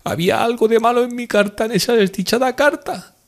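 A man reading an audiobook, voicing a heartbroken young woman who pleads through tears. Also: fairly quick. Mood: grieving. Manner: high tearful pleading voice, sobbing outbursts.

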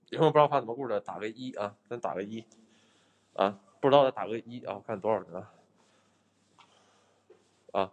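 A man hosting a live stream as a ghost hunter in an abandoned building, chatting bluntly with viewers, swearing and thanking them for gifts. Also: mid-range voice. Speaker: livestreaming ghost hunter host.

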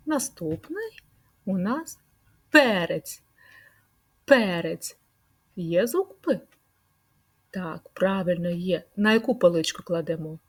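A woman leading a speech-sound lesson for preschool children, stretching out words in a slow, sing-song way. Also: lowish voice, husky. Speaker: preschool teacher.

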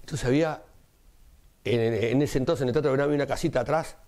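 A man's voice: medium pitch, very fast. A man with a Rioplatense Spanish accent, a carnival performer telling an anecdote as an interview guest and acting out each line of dialogue in changing voices. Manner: lively storyteller, acts out dialogue in shifting voices.

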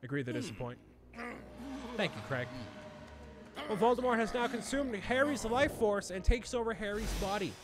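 A man's voice: high voice, animated, normal speed, pauses often. A man chatting casually on a live stream as he plays a video game, reading chat aloud and bantering with the characters on screen. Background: game music.

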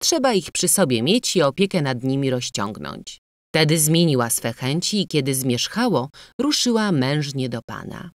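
A woman narrating an audiobook of a classic novel in a measured, expressive reading. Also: very deep voice, no room sound, studio quality. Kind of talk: scripted literary narration.

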